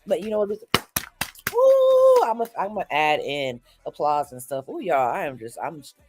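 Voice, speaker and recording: Congested with a cold, this morning show host runs through the news in a casual recap and checks in with her listeners. Her voice is on the low side and very animated, at a moderate pace, with background noise behind her.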